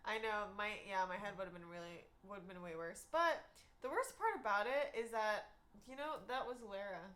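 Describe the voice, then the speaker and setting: A woman's voice: medium pitch, normal speed, a bit bright. A young woman from Texas hosting a youth ministry livestream from home, chatting casually and giggling as she tells stories.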